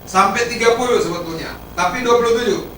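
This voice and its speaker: A man, preaching a sermon as pastor, emphatic, with sudden rises and drops in pitch and volume. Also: quick pace, bright, forceful tone, a little hiss or hum. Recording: roomy echo, heard from a distance.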